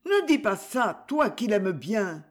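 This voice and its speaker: A man voicing an anxious young bride who pleads gently in a storybook reading. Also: high-pitched, big pitch swings, takes it slowly, voice pushed up, exaggerated voice. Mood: pleading.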